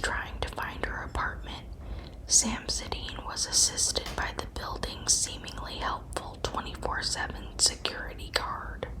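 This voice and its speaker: A woman whispers a scripted true crime tale ASMR-style, breathy and unvoiced, choosing each phrase with slow deliberation. The audio quality is poor.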